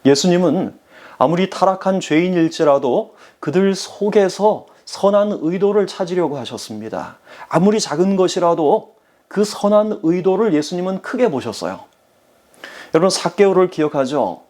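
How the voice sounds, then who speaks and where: A man's voice: high voice, lively intonation, moderate pace, a little mellow. A man giving a sermon as pastor, earnestly addressing the congregation.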